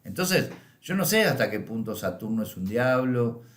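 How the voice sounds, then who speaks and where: A middle-aged man with a Rioplatense Spanish accent teaches an astrology course through anecdotes in an echoey room. His mid-range voice is very animated at a moderate pace, and he often tags lines with a questioning "¿m?" or "¿eh?" to check in with listeners.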